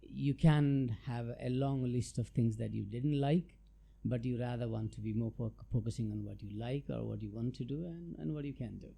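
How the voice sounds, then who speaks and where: A middle-aged Nepali man, a chartered tax adviser appearing as a guest, answers interview questions thoughtfully and hesitantly with many fillers. His medium-pitched voice is gravelly and warm, moving at a moderate pace with hardly any pauses.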